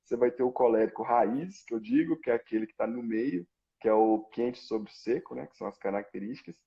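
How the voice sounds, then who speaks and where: A man explains things patiently and step by step in an easy conversational tone. The sound is muffled and lo-fi, as if from a modest home setup. His pitch sits in the middle for a man. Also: gravelly, warm tone. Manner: measured, explains step by step with many "né". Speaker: guest expert on temperaments.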